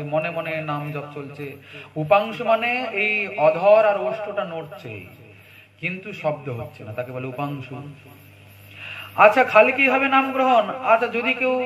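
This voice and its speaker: A man giving a devotional sermon, telling stories and singing verses between plain explanation. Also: high-pitched. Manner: storytelling, sings verses and chants. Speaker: preacher. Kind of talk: devotional discourse. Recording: crowd noise in the background.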